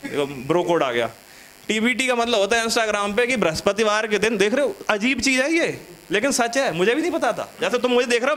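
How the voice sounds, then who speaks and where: A young male comedian with a high, light voice works through a stand-up set in a loose, chatty way. He teases the crowd and acts out little classroom scenes as he tells them. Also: a bit bright. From India.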